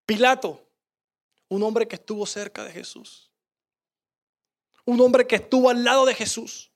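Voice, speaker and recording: A male pastor preaching with passion in a very high voice. He talks straight to the congregation and sinks to a soft hush for quoted words. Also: fairly even intonation, a little slow. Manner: impassioned preaching, drops to a hush when quoting Jesus. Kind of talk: sermon.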